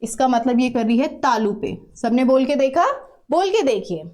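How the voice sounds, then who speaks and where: A woman's voice: high voice, expressive, moderate pace, a little mellow. A woman teaching a grammar lesson patiently, repeating sounds and asking students to try them aloud. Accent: Uttarakhand Hindi. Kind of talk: classroom lesson.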